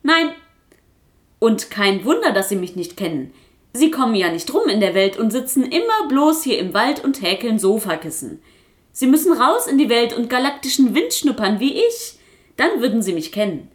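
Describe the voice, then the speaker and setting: A woman voicing a talkative, boastful little male Kasper puppet in a storybook reading, chattering excitedly and insisting on getting his way. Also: a little high, moderate pace, voice pushed up.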